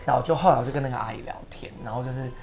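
A woman guest telling stories in an interview, animated and emotional, sometimes tearful. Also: a bass voice, very fast, very noisy. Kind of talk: storytelling interview.

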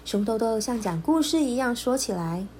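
A woman storyteller narrating a children's storybook in an expressive, lilting voice. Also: a little high, a little hiss or hum. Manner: expressive, lilting, slow and clear.

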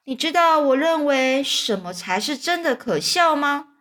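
A woman voicing a rude, grinning centipede who teases loudly in a children's storybook. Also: sits high, lively intonation, measured pace, voice pushed up. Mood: teasing. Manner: teasing, loud.

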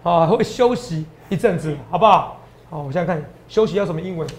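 A man with a Taiwanese Mandarin accent hosting a stock-tips show, animated and boastful, lecturing viewers like students. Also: on the high side, fast talker, a little hiss or hum. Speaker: stock market analyst host.

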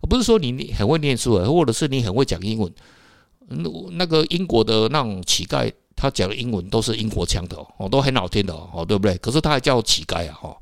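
Rambling Taiwanese man, lively pitch. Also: fast talker, gravelly, no echo, studio quality. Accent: Taiwanese Mandarin. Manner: rambling, full of filler particles and tag questions. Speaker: podcast host. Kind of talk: casual solo talk to listeners.

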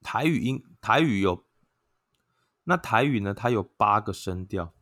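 A man's voice: fairly low pitch, expressive, unhurried, a bit bright, dry recording, clean studio sound. A man with a Taiwanese Mandarin accent who gives a casual, chatty explanation, filling his talk with "oh" and chanting sounds aloud as examples. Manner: chatty, sprinkles "oh" fillers, chants tones aloud. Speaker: vlogger.

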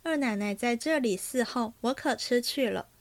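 A woman reading aloud, voicing a cheeky, quick-witted young maidservant with playful retorts. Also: on the high side, close to an everyday voice.

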